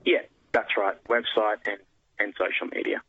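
A man's voice: fairly low pitch, little pitch movement, normal speed, slightly rough. A man calling in as a guest on a radio show, speaking hesitantly with many filler sounds. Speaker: guest on the phone. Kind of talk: casual radio interview. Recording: tinny phone line.

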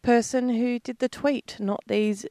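A woman's voice: fairly high pitch, fairly even intonation, measured pace, mellow, no room sound. A woman hosting a community radio show, trading playful, jokey banter with her co-host. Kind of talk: casual radio chat. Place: radio studio.

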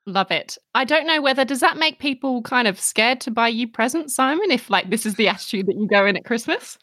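A woman's voice: fairly high pitch, lively intonation, a little fast, fairly bright tone, no echo. Bubbly Australian woman hosting, dry sound. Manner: bubbly, playful interviewer. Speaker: host. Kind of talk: podcast interview.

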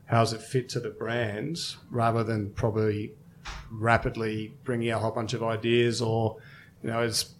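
A man's voice: lowish voice, flat delivery, normal speed, a little hiss or hum. A man of fifty, a brewery co-founder, chatting casually as a guest and thinking aloud with many fillers. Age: 50s. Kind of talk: casual interview chat.

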